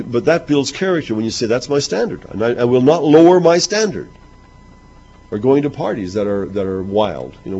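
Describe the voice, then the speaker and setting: A man's voice: medium pitch, dark tone, breathy edge. A man preaching a sermon to his congregation. He talks conversationally, repeats himself and asks rhetorical questions. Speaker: minister. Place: church hall. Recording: muffled lo-fi recording.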